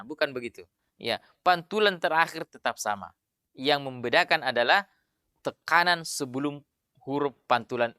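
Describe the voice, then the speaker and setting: A man teaching Quran recitation rules in a casual lesson, explaining with many fillers and then chanting verse examples slowly and drawn out. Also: mid-range voice, bright, forceful tone, clear, resonant tone, dry recording, studio quality.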